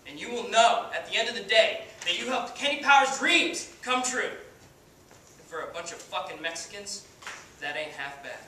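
A young man playing a cocky, foul-mouthed baseball star, giving a swaggering halftime pep speech with deliberate pauses. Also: sits high, animated, bright, forceful tone, pitched above the performer's own voice. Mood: rousing. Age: young adult. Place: indoor hall, stage area, far camera. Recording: distant, very echoey room, faint noise.

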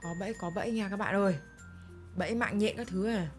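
A woman co-hosting a game video, excitably narrating what happens as she plays. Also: medium pitch, fast talker, soft background music. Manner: excitable, narrates the story aloud. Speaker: gaming channel co-host. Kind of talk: casual game commentary.

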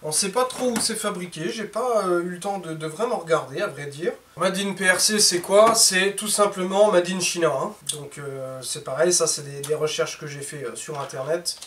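A chatty man with a high-sitting, slightly bright voice talks at normal speed with few pauses, greeting viewers as "les gars" during an informal tool unboxing. He hosts a woodworking show from a cluttered, echoey home workshop. Captured by a distant camera mic, the audio has roomy echo and faint noise.

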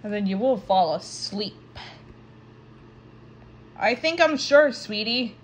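A woman voicing a small, gentle young cartoon character who talks in a soothing, tender bedtime manner. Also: mid-range voice, lively intonation, takes it slowly, a little hiss or hum. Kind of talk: animated children's show voice acting.

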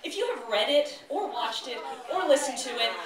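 High, lively woman performing spoken word live. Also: normal speed, over a noisy crowd. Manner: theatrical, mock-dramatic reading. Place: live venue indoors, an art gallery. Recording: echoey room from far off, loud audience laughter. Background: loud audience laughing.

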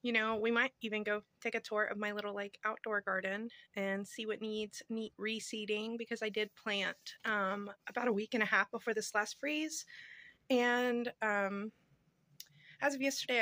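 A homestead vlogger in her thirties chats informally through a how-to video on her home porch, holding her phone at arm's length. Her voice is a little high and sharp, at a moderate pace, with no echo.

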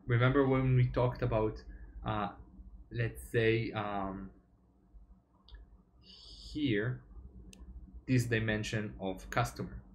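A young software developer gives a tech talk over slides, explaining things step by step and using lots of fillers. His voice is medium in pitch.

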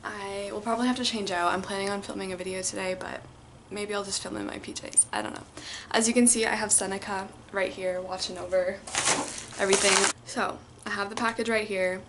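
A woman's voice: medium pitch, fairly even intonation, a little fast, fairly bright tone, a little hiss or hum. A young woman vlogging casually from home, chatty and gushing. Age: young adult. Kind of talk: casual reading vlog chat.

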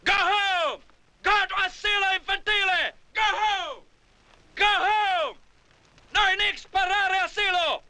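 Pleading soldier in an old war film, very high bright voice, slow broken phrases. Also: male voice, steady tone, heavily acted. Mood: urgent. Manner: urgent, pleading, broken mix of English and Italian. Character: adult soldier urging boys to stop fighting. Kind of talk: dubbed war film acting.

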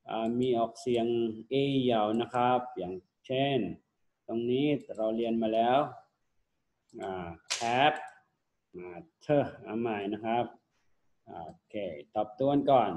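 A young man leads a phonics lesson for children, sounding out each letter at a very slow, drawn-out pace and switching between Thai and English. His voice sits at an ordinary pitch. The recording is dull and lo-fi. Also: darkish tone. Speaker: teacher.

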